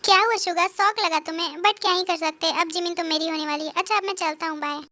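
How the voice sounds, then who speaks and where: Woman doing a smug young man, taunting, sneering, high bright voice. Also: steady tone, fast, dry recording. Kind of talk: Hindi fan-fiction dubbing.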